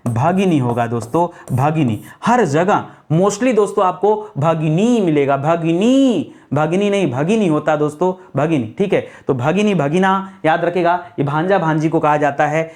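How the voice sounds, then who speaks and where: A young man teaching a Hindi spelling lesson, repeating words slowly, putting questions to his students and adding joking asides. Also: a little high. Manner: jokey asides with light laughs.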